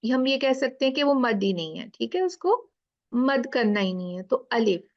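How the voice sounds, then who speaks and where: A woman's voice: sits high, animated, moderate pace, highs cut off. A woman teacher explaining recitation rules in a class, asking questions and drawing out letter sounds. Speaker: tajweed teacher.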